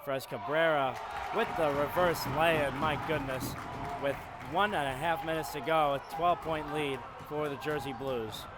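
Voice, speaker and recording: A male play-by-play commentator calls a college basketball game from the arena skybox. He breaks into shouts on the big plays. Arena noise and bouncing balls come through clearly under his voice. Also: a little high. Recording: noisy arena broadcast.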